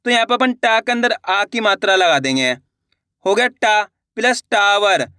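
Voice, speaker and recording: A man's voice: high voice, sharp tone, clear, resonant tone, dry recording, clean studio sound. A man teaching children's reading, drawing out each syllable and quizzing the viewer as he writes words out. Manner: slow, drawn-out spelling of syllables, quizzing the viewer. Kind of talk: Hindi reading lesson.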